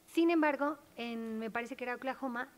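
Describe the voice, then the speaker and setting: A woman with a fairly high-pitched voice speaks on an academic panel. She explains her points earnestly and stresses them with emphasis. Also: a little fast.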